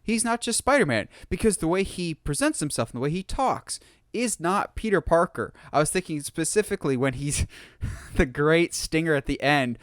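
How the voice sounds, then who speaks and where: Enthusiastic podcast host man, smooth and dry. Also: fairly high pitch, normal speed, dry recording. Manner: enthusiastic, opinionated, animated. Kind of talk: casual podcast chat.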